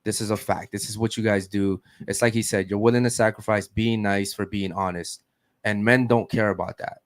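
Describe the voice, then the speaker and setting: A man's voice: lowish voice, steady tone, a little fast, no room sound, studio quality. A man hosting a casual podcast chat, talking bluntly and dropping "bro" and "man" often. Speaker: podcast host.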